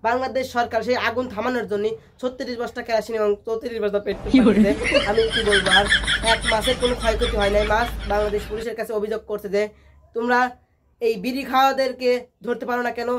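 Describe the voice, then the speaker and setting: A woman's voice: fairly high pitch, fairly even intonation, quick pace, close to an everyday voice. A woman playing a parody field news correspondent, giving mock-urgent live reports of absurd disasters.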